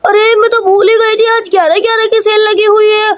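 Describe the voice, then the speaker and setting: A woman voicing an excitable mother doll in a cartoon story, exclaiming eagerly. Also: extremely high pitch, fairly quick, pitched above the performer's own voice. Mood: excited.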